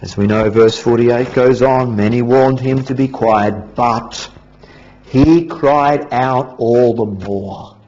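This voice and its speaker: A man with an Australian accent preaching a sermon as pastor in a church, earnest and pleading, dropping to a hush and then rising again. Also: medium pitch. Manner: earnest, pleading, swings from hushed to raised. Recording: dull lo-fi church recording.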